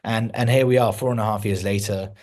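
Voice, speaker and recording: A man answering interview questions in a measured, explanatory way, often restarting his sentences. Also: lowish voice, steady tone, a little mellow. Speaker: interview guest, founder of a news account.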